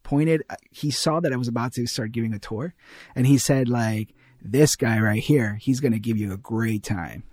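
A man's voice: medium pitch, normal speed, darkish tone, no room sound, studio quality. A young man from Ecuador, a guest in a casual podcast chat, talking in a rambling way with many fillers and restarts. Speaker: guest, animation artist.

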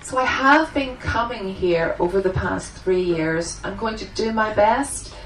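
A woman working as an interpreter, voicing a seminar introduction in short, halting phrases as she addresses a room. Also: medium pitch, faint music behind. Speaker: sign language interpreter voicing the signers. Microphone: microphone at the front of the room. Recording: distant microphone, noticeable background noise.

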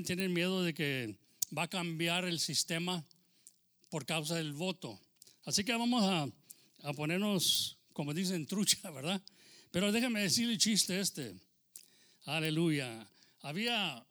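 A man's voice: on the high side, animated, measured pace, long pauses, a bit bright. A Mexican American man preaching a fervent Spanish sermon, peppered with amens, English phrases and a joking story. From United States. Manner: switches into English phrases, frequent amen and hermano. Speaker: pastor.

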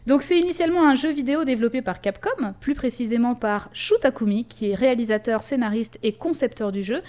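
Chatty high-voiced woman podcast host. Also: brisk, darkish tone. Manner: chatty, explains with many fillers and asides. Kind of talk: casual podcast chat.

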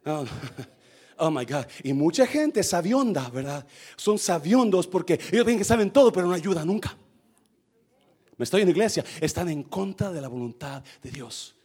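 A male pastor preaching a sermon to his congregation. He swings from shouted peaks to low, quiet asides, calls out to the people and drops English phrases into his preaching. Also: lively intonation, normal speed, husky. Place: church service.

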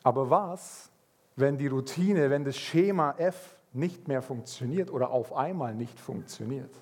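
A man preaching a sermon, telling stories in a lively way and acting out the voices of people in them. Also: medium pitch, unhurried, slightly rough. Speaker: pastor.

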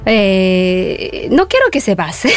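A woman's voice: medium pitch, sing-song, extremely slow, soft background music. A Chinese woman, a native Chinese speaker with a Madrid Spanish accent, chatting as an interview guest and searching for words in non-native phrasing. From China. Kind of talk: casual interview chat.

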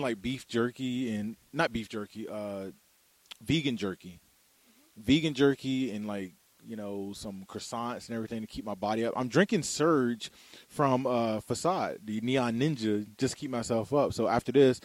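A man's voice: mid-range voice, normal speed, no echo, low-quality recording. A man hosting a casual interview, talking loosely with many fillers and restarts. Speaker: podcast interviewer.

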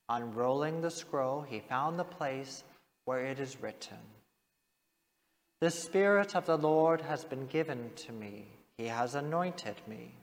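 A man speaking as a priest in a formal, measured liturgical delivery, his voice echoing long through a large church. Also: mid-range voice. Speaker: priest reading the Gospel and preaching. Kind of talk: liturgical reading and parish address. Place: large reverberant church interior. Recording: long cathedral-like echo, large reverberant church.

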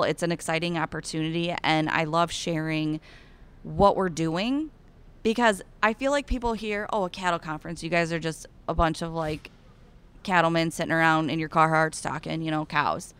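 Speaking at a moderate pace in a low, smooth voice, this young woman from Iowa carries an Iowan accent. As an interview guest she gushes about her role as a cattle ambassador, bubbly and excited throughout the casual chat.

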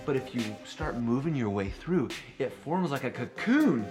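A man's voice: medium pitch, big pitch swings, normal speed. A man telling a rambling, improvised story in a casual way, with filler words. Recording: roomy echo, faint music.

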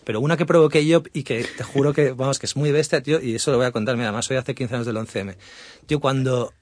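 A man's voice: mid-range voice, steady tone, fast talker, darkish tone, no room sound. A middle-aged man with a Spanish accent from Spain, a guest telling a story casually and laughing through it.

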